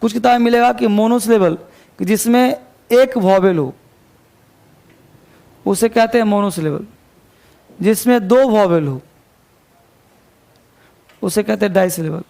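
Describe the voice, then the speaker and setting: Male grammar teacher, high gravelly voice, dictates definitions slowly, quizzes the class. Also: a little mellow. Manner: asks students rhetorical check questions. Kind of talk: classroom lecture.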